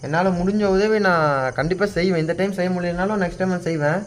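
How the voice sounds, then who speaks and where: A man's voice: sits high, fast talker, slight background noise. A man ghost-hunting in an empty house at night, fearful and pleading as he calls out to a spirit.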